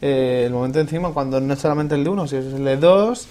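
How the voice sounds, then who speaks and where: A man's voice: medium pitch, fast, warm tone, a little hiss or hum. A man from hosting a conversational interview, informally musing and rephrasing what his guest says. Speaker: interviewer, show host.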